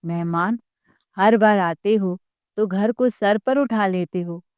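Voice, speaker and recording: A woman's voice: mid-range voice, takes it slowly, darkish tone, clean tone, no room sound, lightly acted. A woman voicing a stern, angry elder brother. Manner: harsh, rebuking. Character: angry protective elder brother, adult man.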